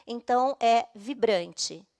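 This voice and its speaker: A woman's voice: a little high, slow pace, a little mellow. A woman with a Brazilian Portuguese accent teaching an online English class, explaining patiently step by step and checking in often.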